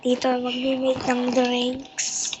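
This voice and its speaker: A child with a Filipino accent chats casually while playing a game, role-playing and repeating short phrases to themself. The high voice is completely flat and slow, and the home recording is very noisy with clicks.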